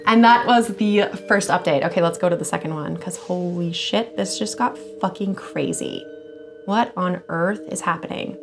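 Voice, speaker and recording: A woman hosting a channel where she reads scary online stories aloud, expressive and casual, swearing now and then. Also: on the low side, normal speed, creaky, over music. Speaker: horror story channel host.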